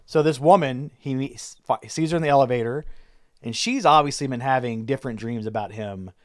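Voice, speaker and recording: A man co-hosts a podcast and talks through his theories about a film in an analytical, casual way, often restarting his sentences. His voice sits at an ordinary pitch, recorded close with no echo. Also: fairly quick. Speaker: podcast co-host. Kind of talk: casual chat about a movie.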